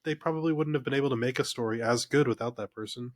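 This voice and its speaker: A man's voice: mid-range voice, quick pace. Male podcast panelist, blunt and opinionated, swears casually.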